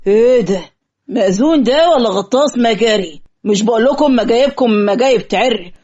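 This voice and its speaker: A woman's voice: a little high, expressive, a little fast, darkish tone. Woman voicing a grumpy old groom's father. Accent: Egyptian. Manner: scornful, grumbling. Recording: lo-fi muffled audio.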